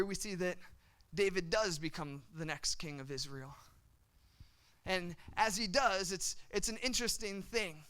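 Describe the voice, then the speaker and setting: Bright, high-voiced man preaching a story. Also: smooth. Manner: storytelling, acts out quotes with shifting pitch and loudness; frequent restarts and repeated words. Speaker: pastor. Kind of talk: sermon.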